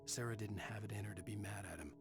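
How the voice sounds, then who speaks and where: Guy doing a moody writer reading his pages, lowish voice, music under it. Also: close to an everyday voice. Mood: somber. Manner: grim, measured storytelling. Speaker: game narrator. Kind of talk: scripted literary narration. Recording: narration over game music. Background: game music.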